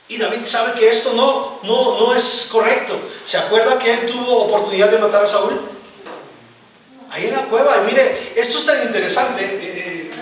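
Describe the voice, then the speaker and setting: High-voiced pastor in echoey hall. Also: male voice, a bit bright, far from the mic, slight background noise. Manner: preaches with frequent rhetorical questions to the congregation. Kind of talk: sermon. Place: church hall.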